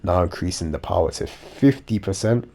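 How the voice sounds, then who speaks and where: A man with a blocked nose giving measured, matter-of-fact game commentary, sounding nasal and a bit dopey. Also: deep voice, lively intonation, creaky, dark tone. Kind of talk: measured instructional gameplay commentary.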